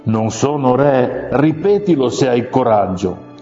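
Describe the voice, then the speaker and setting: Cast: a proud blustering storybook lion, voiced by a man, dark mellow tone, reverberant dull recording. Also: medium pitch, animated, slow pace. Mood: boastful. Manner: blustering, boastful. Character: huge proud boastful male lion. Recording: long reverb, muffled, faint music.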